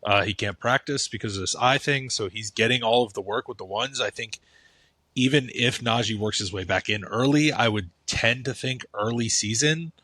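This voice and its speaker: Bright-voiced man, dry close sound. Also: mid-range voice, moderate pace, no room sound. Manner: thoughtful, repeats "I think" and restarts. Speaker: podcast co-host. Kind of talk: casual fantasy football chat.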